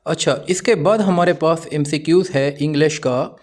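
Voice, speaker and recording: A man from Pakistan, an English teacher, walks through exam questions. He asks his own questions, answers them, and reads the English sentences slowly. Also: fairly high pitch, darkish tone.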